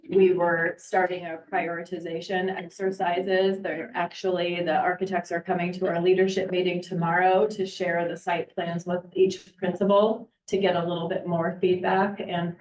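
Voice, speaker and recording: A woman's voice: fairly low pitch, level tone, moderate pace. Chatty woman superintendent in echoey room. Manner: chatty, with frequent ums and uhs. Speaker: school district superintendent. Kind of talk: meeting update, casual and unscripted. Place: boardroom. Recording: echoey, distant, muffled meeting audio.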